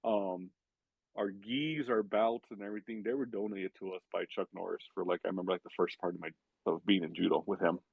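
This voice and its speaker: A man's voice: low voice, steady tone, a little fast, vocal fry, husky, no room sound. A man telling casual stories as a podcast guest, rambling with many restarts and filler words. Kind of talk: casual storytelling. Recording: tinny phone-like sound.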